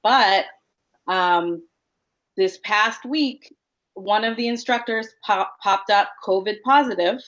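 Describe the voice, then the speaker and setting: A woman speaking earnestly in a casual discussion, often pausing on "um". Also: medium pitch, a bit bright. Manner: earnest, with frequent "um" pauses. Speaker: parent panelist. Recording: dull lo-fi sound.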